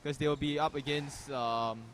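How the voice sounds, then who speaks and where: Young male commentator, slightly higher voice, laid-back chat over faint venue hum. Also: measured pace. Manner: relaxed, chatty, says "man" and "you never know". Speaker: squash commentator. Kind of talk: casual live sports commentary.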